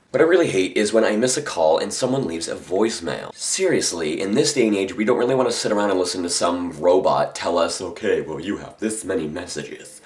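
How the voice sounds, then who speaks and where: A young man rambling through a jokey casual vlog, often dropping into whispers. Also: low-pitched. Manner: rambling, jokey, drops to whispers and mock voices. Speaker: vlogger. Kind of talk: casual comedic vlog monologue.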